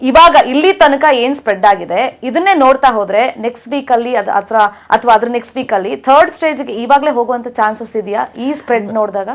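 A woman anchor hosts a live call-in show, briskly putting callers through. She keeps the talk moving with short affirmations. Her voice sits slightly high. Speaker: news anchor.

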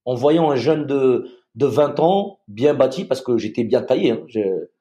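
A man from Madagascar telling a personal story as a podcast guest, halting and repeating words, acting out the people he quotes. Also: medium pitch, expressive, mellow, lo-fi sound.

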